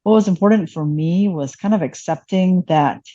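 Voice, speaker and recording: Mellow-voiced woman physician in her late thirties. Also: on the low side, normal speed, no echo, highs cut off. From Vietnam. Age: late 30s. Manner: reflective, frequent fillers. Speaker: emergency physician guest. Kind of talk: conversational interview.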